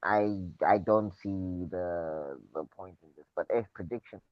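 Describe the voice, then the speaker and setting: A man with a fairly low voice comes through muffled and dull, as if his mic were covered. The sound is dry and close, with no room around it. He rambles casually, restarting his sentences. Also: unhurried, dry recording. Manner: laid-back, rambling with restarts. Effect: muffled sound from a poor mic connection. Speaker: podcast co-host. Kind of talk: casual chat. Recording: muffled, dull remote call audio.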